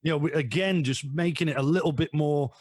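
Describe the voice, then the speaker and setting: A man's voice: a little high, fairly quick, a little mellow, no room sound, clean studio sound. A middle-aged man from northern England chatting enthusiastically as a podcast guest, rambling with restarts. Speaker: podcast guest, father and co-host of a fan podcast. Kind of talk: casual chat.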